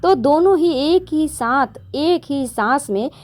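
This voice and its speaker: A woman hosts and narrates a moral story conversationally, often restarting and correcting herself. Her voice is high and expressive, with a slow pace and a darkish tone.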